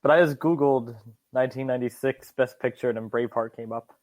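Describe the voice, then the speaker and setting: A man's voice: mid-range voice, fairly even intonation, quick pace, a little mellow, no echo. A man co-hosting a casual movie podcast, making dry, sardonic quips. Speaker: podcast co-host. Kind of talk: casual chat.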